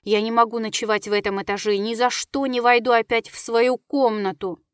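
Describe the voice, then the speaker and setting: A woman's voice: fairly high pitch, steady tone, fairly quick, clean tone, dry recording, studio quality, close to an everyday voice. A woman reading the lines of a frightened, humble manservant in an audiobook. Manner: pleading, deferential. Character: frightened old-fashioned male servant, humble.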